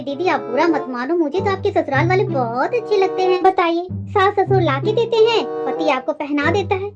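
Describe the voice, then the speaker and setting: A woman's voice: extremely high pitch, dull audio. A woman playing a sly, sweet-talking young daughter-in-law who placates her mother-in-law in a comedy skit. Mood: sugary. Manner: sugary, placating. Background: background music.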